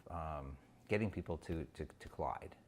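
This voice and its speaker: A man from North Dakota who works in community relations, speaking in a documentary interview with a halting delivery and many pauses. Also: extremely low pitch. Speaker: city community relations officer.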